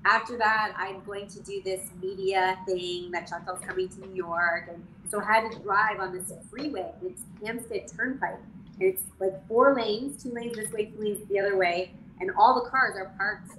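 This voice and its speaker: A woman in her forties from Canada, a jockey guest telling stories in an animated, casual way full of fillers. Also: mid-range voice, moderate pace. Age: 40s. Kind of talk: casual interview storytelling. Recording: echoey room, faint noise.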